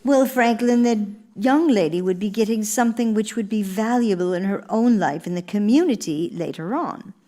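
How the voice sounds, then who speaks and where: She has a mellow, natural mid-range voice and speaks at a normal speed with few pauses. The woman is an actress in a radio play, giving an elder First Lady an earnest, gracious, formal manner with theatrical emphasis across monologue and dialogue.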